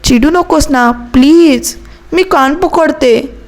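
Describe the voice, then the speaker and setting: A woman's voice: sits high, steady tone, normal speed, natural voice. A woman voicing a pleading young wife. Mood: contrite coaxing. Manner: pleading, soft coaxing. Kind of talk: audiobook story reading.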